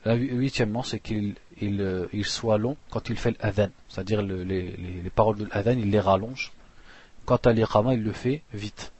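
A man teaching a religious lesson, reading passages fast and then explaining them plainly with restarts. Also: on the low side, darkish tone. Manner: reads Arabic passages quickly, then explains slowly with restarts; clears throat now and then.

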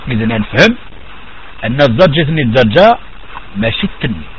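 A man's voice: mid-range voice, very animated, fast, lo-fi sound, a little hiss or hum. A man preaching a religious sermon, explaining texts and asking rhetorical questions with sudden emphatic rises.

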